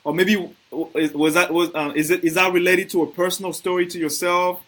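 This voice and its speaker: Bright-voiced man hosting a live stream. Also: high-pitched, flat delivery. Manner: hesitant, halting questions with many fillers. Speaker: host of a live video interview. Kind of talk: casual live-stream interview.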